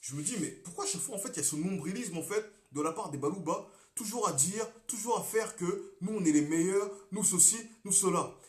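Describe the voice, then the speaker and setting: A young Congolese man, a political activist, talking on a live stream with passion, repeating himself and swinging between loud and quiet. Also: sits high, lively intonation, a little fast, hardly any pauses, roomy sound, soft background music. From Congo (DRC). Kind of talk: monologue on a Facebook live stream.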